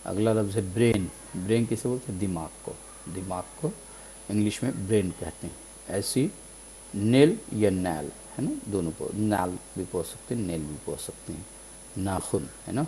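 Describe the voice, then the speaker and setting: Patient man teaching, low mellow voice. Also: a little hiss or hum, poor audio. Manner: patient, repeats each word several times; frequent "theek hai na" check-ins. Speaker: English teacher. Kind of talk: vocabulary lesson in Urdu.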